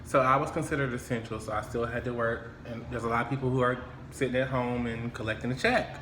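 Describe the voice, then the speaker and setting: A man's voice: medium pitch, fairly even intonation, quick pace, fairly bright tone, slight background noise. A man hosting a casual chat, joking and laughing often. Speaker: host. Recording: echoey room, faint ambience.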